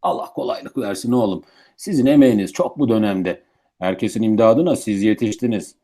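A man's voice: on the low side, a little fast, warm tone. A man playing a grumbling but affectionate, folksy old grandfather in a radio drama. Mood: tender. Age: older. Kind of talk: Turkish radio theatre acting.

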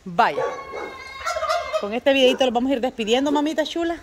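A woman talking casually to her viewers while tending her animals outdoors, chatty and quick to scold her dogs. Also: high voice, animated, noisy background. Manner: chatty, calls viewers "mamita", shouts and scolds pets. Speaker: vlogger. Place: outdoor yard with chickens, dogs and a cat.

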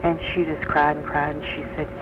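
A woman's voice: sits low, flat delivery, brisk. Woman rambling on worn, hissy phone tape. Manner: chatty, meandering, retells conversations in detail. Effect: played from an old worn cassette tape. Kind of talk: rambling personal storytelling on a message. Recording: tinny phone line, heavy tape hiss.

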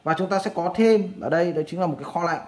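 An architect with a high-pitched voice and quick pace casually walks viewers through a floor plan while sketching it. He talks in loose, chatty bursts full of fillers, repeating "đó" again and again in this explanatory walkthrough of his design.

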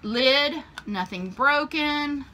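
In a small shelved room, a woman films a casual show-and-tell of flea market treasures on her camera mic, chatting warmly with plenty of ums. Her high, animated voice has a sharp tone and moves extremely slowly, with slight background noise.

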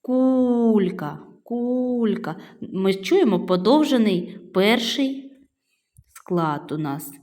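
A middle-aged woman teaching young children a phonics lesson, patiently drawing out each word as she sounds it. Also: lowish voice. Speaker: primary school teacher. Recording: echoey room with long reverb.

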